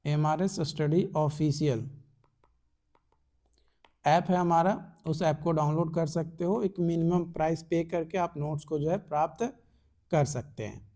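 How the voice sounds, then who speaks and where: A young man with an Indian accent teaching English rules in an online exam-prep lesson, explaining each rule slowly in mixed Hindi and English. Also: on the high side, steady tone, dark tone.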